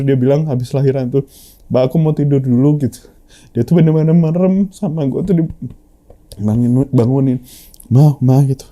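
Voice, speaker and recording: A man's voice: on the high side, mellow. A young man in casual, heartfelt chat, telling a personal story with many restarts and quoted lines. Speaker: guest sharing a personal story.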